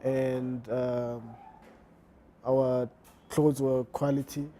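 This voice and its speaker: A man's voice: medium pitch, level tone, extremely slow, warm tone, slight background noise. A man answering interview questions about his fashion brand, hesitant and full of fillers. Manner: hesitant, many fillers and restarts. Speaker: fashion designer, interview guest.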